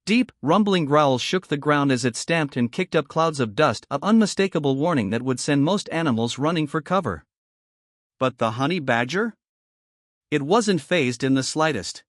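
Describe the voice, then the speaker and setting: A man's voice: fairly high pitch, expressive, moderate pace, no room sound, studio quality. A man reading scripted nature documentary narration in a dramatic, grandiose storytelling manner.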